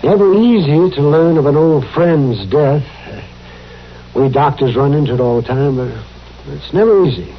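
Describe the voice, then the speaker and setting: An actor playing a fussy, flustered older frontier town doctor with hesitant, stammering delivery in 1950s radio western style. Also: male voice, on the high side, expressive, moderate pace, close to an everyday voice. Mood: subdued, hesitant. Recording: muffled, hissy old radio recording.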